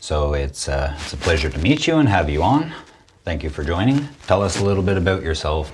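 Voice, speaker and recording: A young man hosting a podcast interview, talking slowly and haltingly, with many restarts. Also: low voice, sing-song, a little hiss or hum. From Quebec. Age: young adult. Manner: slow, hesitant, many restarts. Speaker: podcast host. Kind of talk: casual interview.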